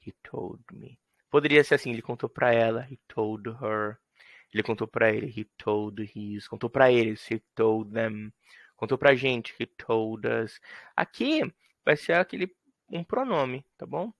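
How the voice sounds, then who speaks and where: An unhurried man with a creaky, medium-pitched voice teaches English grammar playfully, acting out small scenes to illustrate his examples for students. There's no echo on the recording.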